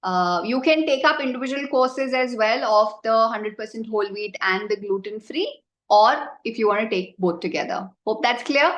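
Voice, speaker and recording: Indian woman teaching, high echoey voice. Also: fairly bright tone. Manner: informal, chatty explaining, often addressing the group. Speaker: baking instructor. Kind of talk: live online class, answering questions. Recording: roomy, echoing sound.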